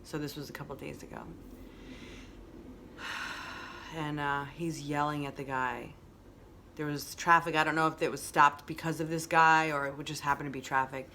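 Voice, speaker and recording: A woman's voice: sits low, steady tone, normal speed, long pauses, sharp tone, a little hiss or hum. A woman hosting a casual motivational monologue, reflective and repeating phrases for emphasis. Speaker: host.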